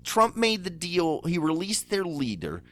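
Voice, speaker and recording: A man's voice: high-pitched, huge pitch swings, unhurried, fairly bright tone. A man with a Baltimore accent, a stand-up comic chatting casually on a podcast, joking and swearing as he slips into silly voices. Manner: jokey, swearing, puts on silly voices in bits. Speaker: stand-up comedian guest.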